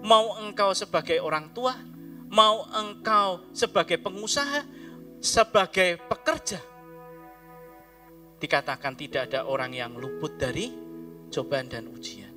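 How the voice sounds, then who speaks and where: A male pastor giving an animated sermon, swinging from loud calls to hushed words. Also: high voice, unhurried, long pauses, soft background music.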